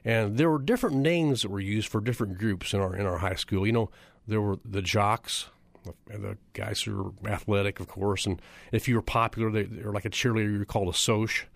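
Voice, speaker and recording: A man's voice: lowish voice, fairly even intonation, a little fast, vocal fry, dry recording. Emphatic man giving a talk. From United States. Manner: emphatic, repeats figures for effect; rhetorical questions to the audience. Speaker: chiropractor. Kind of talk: public talk.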